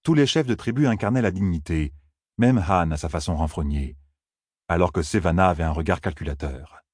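A man narrating an audiobook in a steady, even reading manner. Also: low-pitched, brisk, slightly rough, no echo, clean studio sound.

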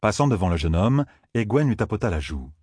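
A man narrating an audiobook in a measured storytelling manner. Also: fairly low pitch, very animated, darkish tone, breathy edge, no echo, studio quality. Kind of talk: scripted narration.

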